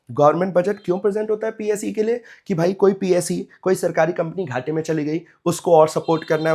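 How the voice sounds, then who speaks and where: A young man teaching economics in a chatty, coaxing way, mixing English terms into his explanations. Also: on the high side. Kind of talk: online exam-prep lecture.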